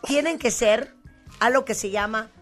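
A woman hosting a casual comedy talk show, in a bossy, lively way. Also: a little high, normal speed, faint music behind.

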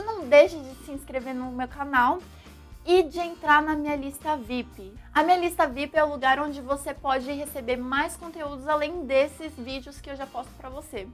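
A young Brazilian woman with a Brazilian Portuguese accent, an English teacher giving a lively, animated video lesson. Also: high-pitched, normal speed, faint music behind.

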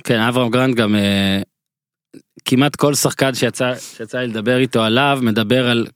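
A man with an Israeli accent hosting a casual sports interview, speaking in an informal, halting, self-deprecating way. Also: mid-range voice, fairly even intonation, clear, resonant tone, no room sound, clean studio sound. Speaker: podcast host.

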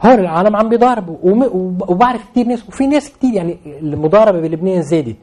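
A man's voice: sits high, expressive, rapid-fire, mellow. A man with a Lebanese Levantine Arabic accent explaining things off the cuff as an interview guest, emphatically repeating phrases to stress his points. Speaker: interview guest commenting on real estate.

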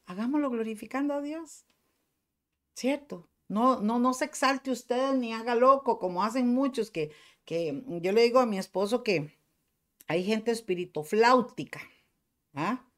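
A woman's voice: on the high side, expressive, unhurried. A middle-aged woman pastor with a Costa Rican accent, preaching a fervent sermon to her congregation. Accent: Costa Rican Spanish. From Costa Rica.

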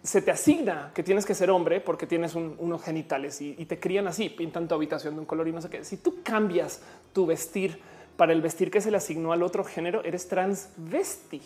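Mellow, low-voiced Mexican woman streamer. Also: brisk. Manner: chatty, explanatory, reads viewer messages aloud. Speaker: live-stream host answering chat. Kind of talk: casual chat.

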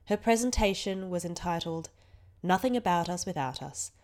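A woman reading scripted narration as a podcast narrator, with a clear, even delivery. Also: fairly low pitch, moderate pace.

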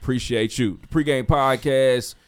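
A man's voice: mid-range voice, normal speed, clean tone. A man hosting a podcast, reading show promos in a laid-back, casual way and tagging "man" onto his sentences. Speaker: podcast host.

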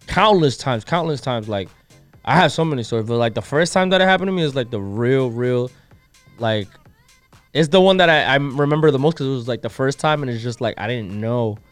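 A young man on a podcast, casually telling an animated story in slang and switching into Spanish at times. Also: medium pitch, a little fast, dry recording, faint music behind. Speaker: podcast co-host. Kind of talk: casual chat.

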